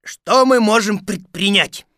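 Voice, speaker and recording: A woman voicing a simple, good-natured male toy bear who talks slowly and earnestly, a little proud of what he knows. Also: mid-range voice, big pitch swings, sharp tone, no echo, studio quality, full character voice. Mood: solemn.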